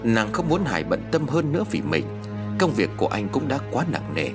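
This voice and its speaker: A man reading a horror story aloud in a measured, expressive scripted narration. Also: medium pitch, vocal fry, music in the background.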